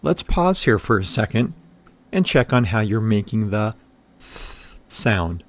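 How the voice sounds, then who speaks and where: A man narrating a scripted pronunciation drill in a measured, carefully enunciated way. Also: on the low side, very animated, slight background noise.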